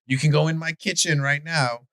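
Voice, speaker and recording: A man with a Chicago accent co-hosting a podcast in casual debate chat, animated and profane, stumbling and restarting his sentences. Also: a little high, brisk, no room sound. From Chicago area. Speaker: podcast co-host.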